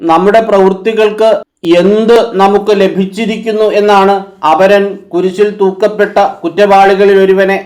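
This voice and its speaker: A man with a notably high-pitched voice reads a quiz aloud. He announces a number, asks the question, and then drops lower and calmer to give the answer. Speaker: quiz reader.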